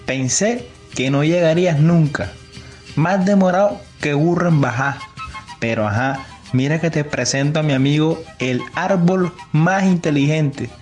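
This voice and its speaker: A man's voice: fairly high pitch, animated, slow, faint music behind. A man playing an easygoing, teasing fellow with a Colombian Caribbean coastal accent in a children's story. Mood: cheerful. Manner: breezy, colloquial, teasing.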